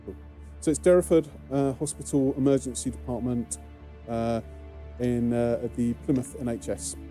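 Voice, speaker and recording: A man's voice: medium pitch, fairly even intonation, moderate pace, mellow, faint music behind. A man with a British accent narrating a tabletop game as game master, hesitant with many fillers. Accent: British English. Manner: hesitant, many ums and restarts.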